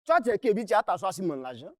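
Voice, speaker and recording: Confronting his debtor on a mediation show, this man speaks fast in a high voice with big pitch swings. He is angry and insistent, repeating himself and interrupting, and the audio is echo-free studio quality.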